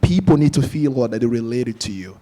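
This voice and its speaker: On a panel podcast, a young adult guest from Angola, a native Portuguese speaker, shares stories in a casual way and acts out other people's words with animation. His medium-pitched voice moves at a brisk pace.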